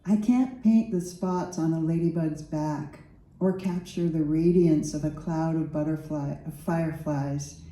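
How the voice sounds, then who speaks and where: A woman poet reading her poems aloud at an event, unhurried and savoring each line, with chatty asides between poems. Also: sits low, steady tone, dark tone, far from the mic. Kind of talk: poetry reading. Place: gallery event space. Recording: roomy reverb in a gallery.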